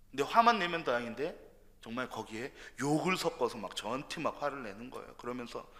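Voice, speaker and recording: A man's voice: medium pitch, pushed and bright, long reverb tail. A young man from Seoul, a junior pastor, preaching a sermon in a church sanctuary. He tells stories conversationally and often turns to address the congregation directly. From Seoul, South Korea.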